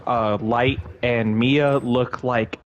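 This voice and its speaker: A man's voice: medium pitch, fairly even intonation, very slow. A man in casual podcast chat, retelling a movie plot in a rambling, profane way and acting out the characters' lines. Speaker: podcast co-host.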